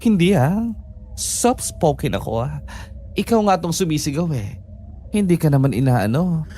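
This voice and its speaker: A woman's voice: sits low, big pitch swings, dark tone, a little hiss or hum. A woman voicing a cheeky, fearless young private nurse who teases and talks back. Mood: mocking. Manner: teasing, sassy, quick comebacks. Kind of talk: audio drama acting.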